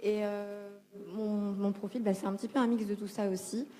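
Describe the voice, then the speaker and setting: Woman panelist, relaxed, mellow voice, hall reverb. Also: mid-range voice, moderate pace. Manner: relaxed, hesitant with "euh"s. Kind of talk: panel self-introduction.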